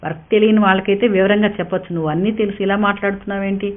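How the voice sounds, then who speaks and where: A woman's voice: medium pitch, fairly even intonation, rapid-fire, lightly acted. A woman voicing a stubborn young husband who speaks curtly and reproachfully. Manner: curt, reproachful. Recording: tinny narrow-band sound.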